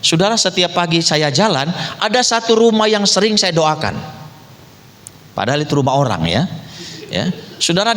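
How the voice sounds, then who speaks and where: A middle-aged male pastor preaching a sermon, telling a personal story and swinging between loud, high emphasis and low, quiet asides. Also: in a large hall. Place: church sanctuary.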